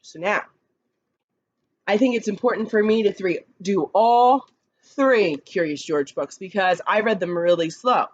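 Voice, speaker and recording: A woman who teaches kindergarten, reading picture books aloud slowly and expressively, with chatty asides to the children. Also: lo-fi sound. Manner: slow, expressive read-aloud with lively pitch, chatty asides.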